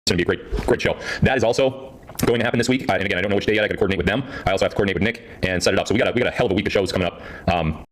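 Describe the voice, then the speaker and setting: Rapid man behind a deep pitch-shifting voice changer. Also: slight background noise. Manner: rambling, repeats himself. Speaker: live streamer. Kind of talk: casual monologue to viewers.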